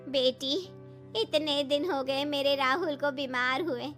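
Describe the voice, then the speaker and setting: A woman voicing a worried, bitter aunt in an animated story, speaking reproachfully. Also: sits high, slow pace, soft background music, pitched above the performer's own voice.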